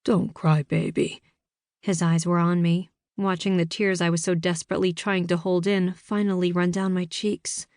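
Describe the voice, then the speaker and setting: A woman reading first-person scripted narration for an audiobook in a measured storytelling manner, in a studio. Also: lowish voice, little pitch movement, a little mellow, dry recording.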